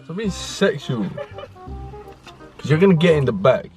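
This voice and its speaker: Teasing young man, very lively pitch. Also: normal speed, music in the background. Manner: teasing, excitable. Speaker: vlogger's boyfriend. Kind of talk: casual car vlog chat. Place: parked car.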